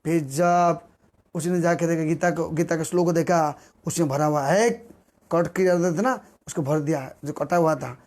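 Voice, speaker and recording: A man with a notably high voice preaches through a devotional tale. He repeats phrases for emphasis and slips into the voices of the people in the story, keeping the telling animated throughout. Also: normal speed.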